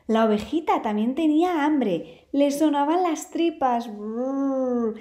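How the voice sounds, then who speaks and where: High, mellow Spanish storyteller woman. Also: a little slow. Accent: Spain Spanish. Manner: expressive, lively storytelling. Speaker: children's storyteller. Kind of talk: storybook reading for children.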